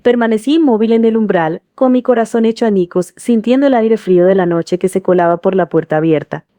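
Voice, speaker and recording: Dark-toned woman narrating a story. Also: mid-range voice, brisk, no room sound. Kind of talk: scripted first-person narration.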